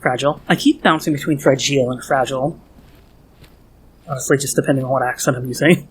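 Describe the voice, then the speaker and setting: A man's voice: mid-range voice, very fast, a little hiss or hum. Young male gamer at home, casual sarcastic let's play commentary, cusses a lot. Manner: joking, sarcastic, swears freely. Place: at home in a hot room.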